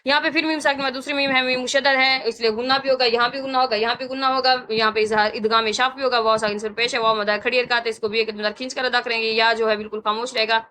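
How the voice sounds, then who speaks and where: A woman's voice: a little high, steady tone, hardly any pauses, sharp tone. A woman with a Pakistani Urdu accent teaching Quran recitation rules, explaining each rule and patiently repeating sounds several times for students to copy. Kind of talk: tajweed lesson with slow chanted recitation.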